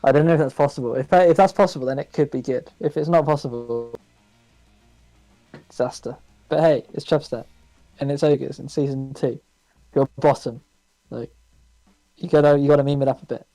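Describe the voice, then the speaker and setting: A man co-hosting a casual podcast chat over a voice call, talking quickly and chattily. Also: medium pitch, warm tone, no room sound, soft background music, poor audio. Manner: quick, chatty, laughs easily. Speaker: podcast co-host. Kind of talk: casual chat about a board game.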